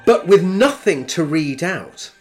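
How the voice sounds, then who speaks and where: A man's voice: high voice, expressive, slow pace, a little mellow, soft background music. Wry man telling old diary stories. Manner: wry, dry storytelling with laughs. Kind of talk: casual chat.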